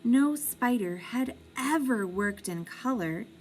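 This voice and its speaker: A woman with a slightly high voice reads a children's picture book aloud, expressive and deliberate like a teacher with young pupils. There's slight background noise.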